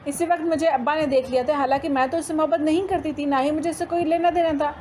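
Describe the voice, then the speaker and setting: A woman narrating a first-person moral story in a steady storytelling voice, with some restarts and slips. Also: high-pitched, slight background noise, low-quality recording.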